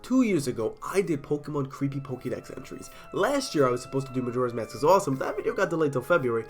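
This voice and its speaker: A storyteller with a stuffy cold casually reads horror stories aloud, chatty and self-deprecating, sometimes stumbling over words. His medium-pitched voice swings widely in pitch and moves fast, over soft background music.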